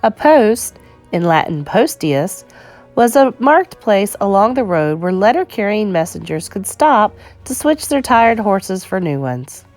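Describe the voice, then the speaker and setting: Reading an educational children's picture book aloud, a woman keeps a measured storytime pace and phrases everything clearly. Her pitch is medium and her tone darkish.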